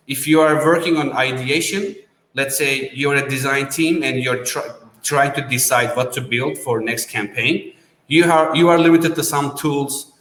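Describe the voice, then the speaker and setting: Man pitching his startup in an echoey room. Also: fairly bright tone. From Turkey. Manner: non-native phrasing, self-correcting restarts. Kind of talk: business pitch. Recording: roomy with long reverb.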